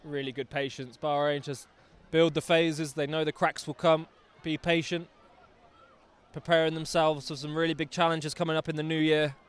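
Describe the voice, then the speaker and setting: A man's voice: fairly high pitch, little pitch movement, normal speed, clean tone. A man doing live rugby commentary outdoors, chatty and enthusiastic with jokey asides.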